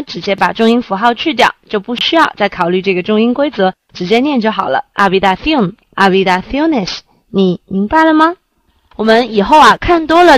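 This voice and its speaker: A woman teaching a recorded Spanish lesson in a lively, coaxing way, often asking the class rhetorical questions. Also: on the high side, dry recording.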